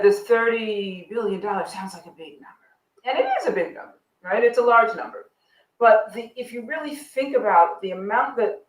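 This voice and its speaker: A guest expert on a live discussion show, explaining in a wry way and checking in with frequent "right?" asides. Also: mid-range voice. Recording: roomy sound from a distance.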